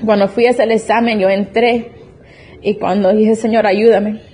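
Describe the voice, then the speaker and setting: There's a little hiss or hum as a young woman in her twenties delivers her faith testimony in church at normal speed. Though the content is emotional and earnest, with many restarted sentences, her medium-pitched, mellow voice comes across flat.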